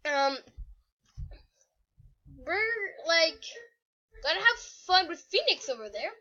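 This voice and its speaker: A woman's voice: extremely high pitch, very animated, takes it slowly, sharp tone. A woman hosting a casual gaming video, rambling and joking in slangy talk. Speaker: channel host. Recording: muffled lo-fi recording.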